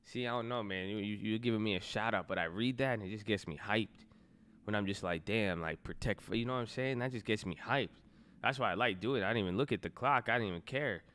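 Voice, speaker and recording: A man's voice: on the low side, fast, a bit bright. Hyped man talking markets. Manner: hyped, swearing, slangy. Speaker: stock market streamer. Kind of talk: excited live-stream commentary.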